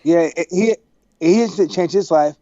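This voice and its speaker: A man's voice: a little high, unhurried, no room sound. Storytelling Texan man over a dull video call. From Texas. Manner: animated, acts out quoted dialogue. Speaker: podcast guest. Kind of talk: casual storytelling.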